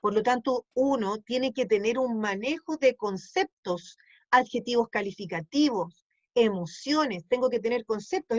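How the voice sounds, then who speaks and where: A woman with a slightly high voice teaches a class, explaining patiently and frequently checking understanding by asking "¿sí?". The recording is dry and the audio sounds dull.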